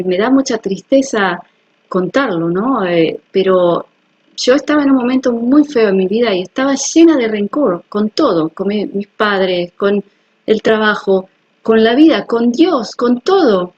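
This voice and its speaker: Woman host, husky voice, earnest explainer, dull lo-fi sound. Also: medium pitch, a little mellow. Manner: earnest, personal, repeats "¿ok?" to check viewers follow. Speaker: health video host. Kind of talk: casual explanatory talk to viewers.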